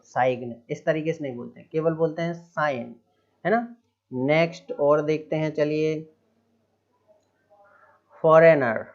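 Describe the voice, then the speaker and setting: A man's voice: on the high side, a little mellow. A man teaching an English spelling lesson step by step, asking his own questions, answering them, and often checking in with "right?". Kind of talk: spoken grammar lesson. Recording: dull lo-fi sound.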